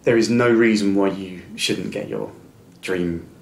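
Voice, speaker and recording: A deep-voiced, middle-aged man speaks unhurriedly as a guest in a reflective interview, offering earnest encouragement. He stammers, repeating words and restarting. Faint music sounds in the echoey room.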